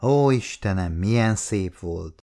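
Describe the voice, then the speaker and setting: A man reading the lines of a devoted, attentive middle-aged husband in an audiobook, speaking softly and warmly. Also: on the low side, lively intonation. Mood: loving.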